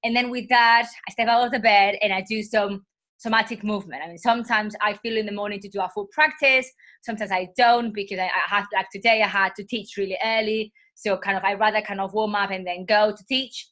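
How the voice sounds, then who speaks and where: A woman with a cold, speaking in a husky voice as a yoga teacher being interviewed, meandering and full of soft fillers. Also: mid-range voice, steady tone, brisk. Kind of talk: casual interview talk.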